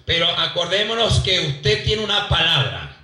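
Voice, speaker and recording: Fervent high-voiced pastor in an echoey hall. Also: male voice, big pitch swings, normal speed, pushed and bright, far from the mic. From Venezuela. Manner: fervent preaching, calls out to congregation, repeats phrases. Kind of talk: live church sermon. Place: church hall.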